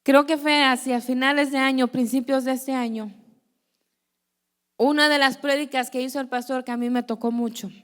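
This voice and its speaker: A woman's voice: high-pitched, steady tone, moderate pace, fairly bright tone, clear, resonant tone, long reverb tail. A young woman preacher giving an earnest testimony sermon, telling her story and acting out conversations. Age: young adult. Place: church.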